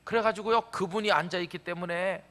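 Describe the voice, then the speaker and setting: A middle-aged pastor preaches a revival sermon in a large church sanctuary, his high voice steady, fast, bright, and forceful. He tells stories with acted-out quotes and poses rhetorical questions, all carried on a long church-hall reverb.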